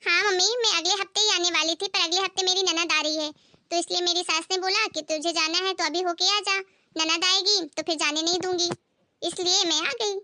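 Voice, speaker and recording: A woman's voice: extremely high pitch, steady tone, fairly quick, sharp tone, no echo, full character voice. A woman doing a caring young sister-in-law. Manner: concerned, insistent.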